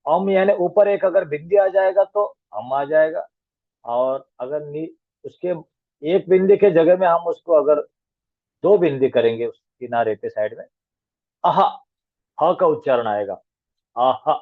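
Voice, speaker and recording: A man's voice: on the high side, a little slow, creaky, no echo. A man teaching a grammar class online, patiently spelling out letter sounds one at a time. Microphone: video call. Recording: tinny dry call audio.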